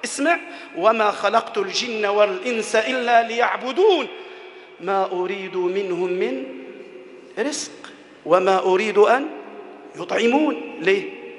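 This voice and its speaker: A man with an Egyptian Arabic accent preaching a Friday sermon, dropping to soft lowered phrases and then rising to loud shouted climaxes, repeating words for emphasis and chanting scripture. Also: moderate pace, long pauses. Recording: echoey hall with long reverb.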